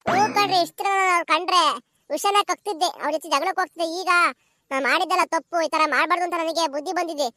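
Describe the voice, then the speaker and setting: A woman's voice: very high-pitched, steady tone, fast, sharp tone, no echo, clean studio sound. A woman voicing a quarrelsome village wife who now begs forgiveness, in a sing-song rural dialect for a cartoon. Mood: bossy. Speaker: narrator voicing village women.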